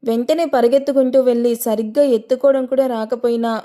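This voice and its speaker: A woman narrating an audio story in a gentle, expressive way, her voice strained from long recording. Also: fairly high pitch.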